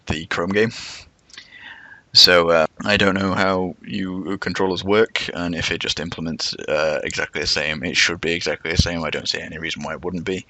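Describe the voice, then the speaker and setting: A man's voice: low voice, gravelly, sharp tone, dry recording. A man with whistling S sounds, giving a rambling, self-deprecating, unscripted narration as a game developer.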